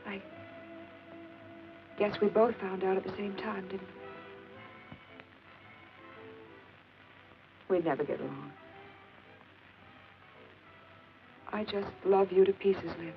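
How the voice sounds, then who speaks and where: An actress playing a proud, hurt young fiancée in a 1950s film, talking emotionally and at times shouting. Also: female voice, medium pitch, moderate pace, long pauses, natural voice. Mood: sad. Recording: dull old film soundtrack with music.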